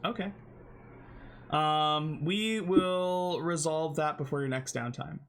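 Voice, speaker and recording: A man with a fairly high voice runs a tabletop game as game master. He asks the players patient, careful questions about their actions and rolls. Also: slow pace, fairly bright tone.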